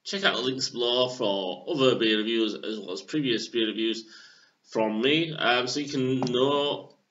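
Slow, halting man reviewing beer on webcam. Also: medium pitch. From England. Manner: halting, filler-heavy, relaxed. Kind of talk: casual beer review vlog. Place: small room at home. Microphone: webcam at desk. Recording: dull lo-fi webcam audio.

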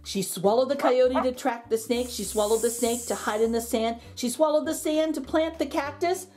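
Drawing out the end of every line, a middle-aged woman reads a picture book to children in a rhythmic, theatrical style; she hosts a channel of children's stories. Her voice is high and a little mellow, with faint background music.

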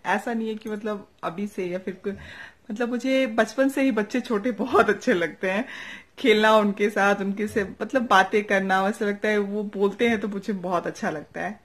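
A young woman with an eastern Uttar Pradesh Hindi accent narrates her evening at home, recorded on a nearby phone or camera. Her delivery is casual and chatty, softly spoken, often ending thoughts with "right?" to draw the viewer in. Her voice sits in a middle range for a woman. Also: medium pitch, breathy edge. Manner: chatty, soft-spoken, fond tag questions. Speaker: vlogger. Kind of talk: casual daily vlog narration. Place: family home, indoors and courtyard.

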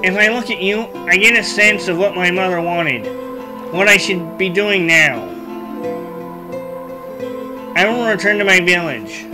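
An earnest, nerdy young fish-folk prince, as a man puts him on while reading game text aloud. The voice sits a little high and sounds like a bookish kid. Game music plays clearly underneath. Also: unhurried, pauses often, poor audio.

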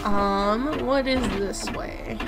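A woman's voice: mid-range voice, extremely slow, loud music behind the voice. A woman giving casual commentary as she plays a video game, chatty, amused and musing aloud. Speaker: let's-play host.

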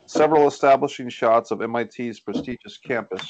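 Reading stage directions and scene headings aloud, a man serves as narrator for a screenplay table read on an indoor group video call. He talks a little fast in a mid-range, slightly mellow voice. Captured through a computer or headset, the low-quality audio carries slight background noise.

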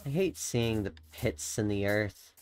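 Male gamer, lowish voice, dry wisecracks, headset chat. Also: measured pace, slight background noise. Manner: dry, wisecracking, drops one-word quips. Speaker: Minecraft player on voice chat. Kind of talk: casual gaming chat.

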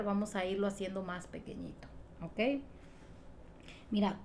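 Woman vlogger, mid-range voice, earnest motivational delivery, faint noise underneath. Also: mid-range voice. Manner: emphatic, repetitive, asks rhetorical questions. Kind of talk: motivational talk to camera.

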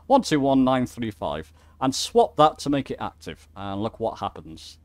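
This man hosts a flight simulator tutorial, giving casual screen-share commentary in an informal way, thinking aloud and correcting himself as he goes. His mid-range voice is very animated and moves at a normal speed, with no echo.

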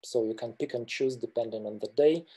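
A middle-aged man from Russia, a mountain guide presenting slides on a webinar over a webcam, speaking hesitantly with many filler pauses. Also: mid-range voice, dark tone, slightly rough. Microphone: video call webcam.

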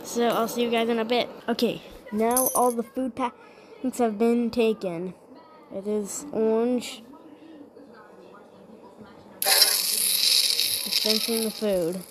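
Hushed, slow-talking woman gamer. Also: fairly high pitch, steady tone, heavy background noise. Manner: hushed, half-whispered talk. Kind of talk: gameplay commentary.

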